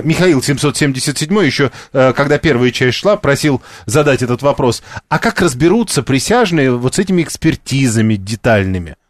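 Brisk male radio host, dry studio. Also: fairly high pitch, no echo. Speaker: radio talk show host. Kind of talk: radio talk show hosting. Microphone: studio microphone.

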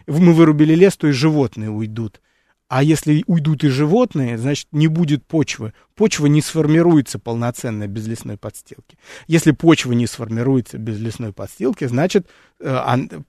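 A man's voice: on the high side, expressive, moderate pace, dark tone, dry recording, studio quality. A man hosting an educational nature series, talking unscripted with frequent fillers, restarts and rhetorical questions, and calling his listeners friends.

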